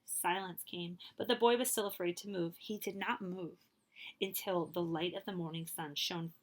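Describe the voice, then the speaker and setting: A woman with a lowish voice reads a children's tale aloud as a librarian would, at normal speed and in a steady tone. She still adds suspense and expression, dropping to a hush and elongating key phrases.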